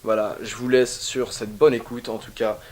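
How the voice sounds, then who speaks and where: A man's voice: mid-range voice, level tone, normal speed, darkish tone. A young adult man vlogging in a casual chatty way, slangy and swearing freely, with joking asides to viewers. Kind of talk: casual vlog talk to camera. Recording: hip hop music playing behind.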